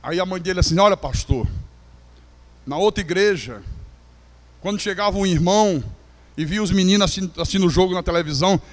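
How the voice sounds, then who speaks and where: A man preaching a sermon as pastor, acting out the quoted voices and swinging from hushed to loud. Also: high voice, a little fast, long pauses. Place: church.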